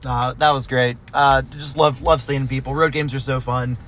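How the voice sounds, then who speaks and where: An easygoing man co-hosting a soccer recap, stammering on repeated words, heard on low-quality audio recorded while driving in a car. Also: steady tone, moderate pace, a bit bright, a little hiss or hum. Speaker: podcast co-host. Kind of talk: casual soccer recap chat. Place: moving car.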